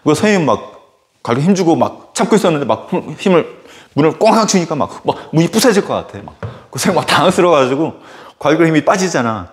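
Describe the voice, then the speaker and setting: A man who teaches middle-school history, telling a casual anecdote in a lecture with animated storytelling and lots of filler words. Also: on the high side, quick pace. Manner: animated storytelling full of filler words and sudden acted outbursts.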